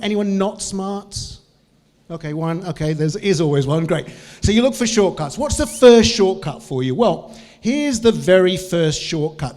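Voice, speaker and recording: A man's voice: sits high, dark tone. A man with a New Zealand accent giving a live conference talk, chatty and joking, quizzing the audience. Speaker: conference speaker. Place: large conference hall with audience. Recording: long hall reverb.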